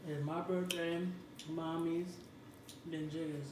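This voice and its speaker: A woman's voice: low-pitched, little pitch movement, slow. An American woman chatting casually as a companion in an eating video. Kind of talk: casual chat. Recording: distant, echoey, clearly noisy room.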